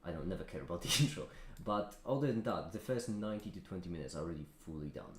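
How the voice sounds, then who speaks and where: A man's voice: low-pitched, lively intonation, quick pace. A man chatting casually as he works on his livestream, thinking aloud in a musing, self-critical way. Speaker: video creator hosting a livestream. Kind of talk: casual chat while working. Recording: echoey room with clear background noise.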